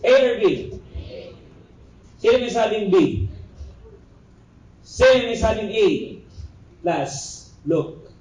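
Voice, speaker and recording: A man's voice: high voice, lively intonation, very slow, long pauses, darkish tone. A man with a Filipino accent giving a classroom lecture as a review lecturer, joking and quizzing his students. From Philippines. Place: lecture room. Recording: echoey room, recorder far off.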